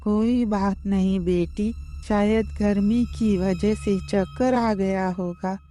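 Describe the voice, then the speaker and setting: A man playing a gentle elderly village woman. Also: high-pitched, fairly even intonation, slow, voice pushed up. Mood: soothing. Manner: soothing, motherly. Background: faint music.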